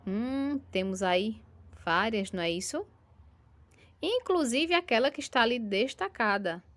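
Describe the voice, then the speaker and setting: A woman's voice: fairly high pitch, lively intonation, unhurried, a bit bright. A woman teacher with a Brazilian Portuguese accent giving a recorded lesson to young pupils, patiently stretching out syllables and checking in with frequent tag questions. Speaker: primary school teacher.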